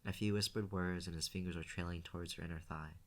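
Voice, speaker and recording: A man reading a novel aloud as an audiobook, in a steady voice with small restarts. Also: low voice, quick pace. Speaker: audiobook reader.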